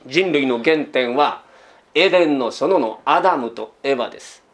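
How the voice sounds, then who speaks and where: A man's voice: mid-range voice, lively intonation, normal speed, fairly bright tone. A man giving a sermon as pastor, in a conversational way full of rhetorical questions, often tagging sentences with a trailing "this".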